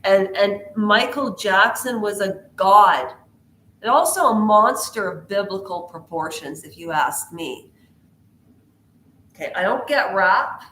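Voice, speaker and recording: In an echoey room, a woman vlogs pop culture commentary in a rambling, casual way. Her mid-range voice is slow, bright and forceful, and she chats freely, hops from tangent to tangent and keeps quizzing her viewers.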